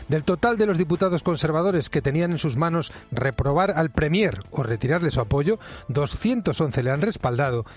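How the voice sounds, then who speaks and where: A man with a Spain Spanish accent reading a scripted radio editorial in a formal, measured, critical way, recorded in a studio. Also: on the high side, a little mellow. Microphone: studio microphone.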